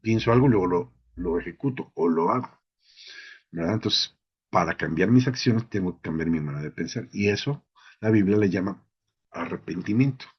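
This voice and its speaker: A man's voice: deep voice, expressive, normal speed, husky. A man preaching an informal sermon, who often checks in with his listeners. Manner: conversational, asks the listeners "¿sí?" often. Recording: dull lo-fi recording.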